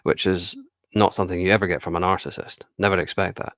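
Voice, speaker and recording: A man's voice: low-pitched, level tone, quick pace, fairly bright tone, no room sound, studio quality. A man giving blunt, casual commentary on a reality show, swearing and laughing now and then.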